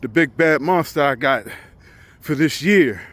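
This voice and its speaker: A man in his forties speaks in a fairly high voice, candid and reflective, with a casual vlog feel. He works his thoughts out loud and restarts sentences as he goes. The sound is close and dry, with little room in it. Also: animated, a little slow, dry recording. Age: 40s. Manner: talks while out on a walk. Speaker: truck driver.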